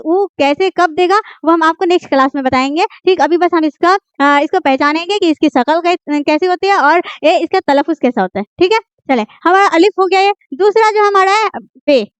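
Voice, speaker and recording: Woman teacher, very high voice, dry close sound; patient, repeats her own questions, pauses on fillers. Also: no echo. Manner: patient, repeats questions and answers them herself; frequent fillers and self-corrections. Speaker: Urdu teacher. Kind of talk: online language lesson.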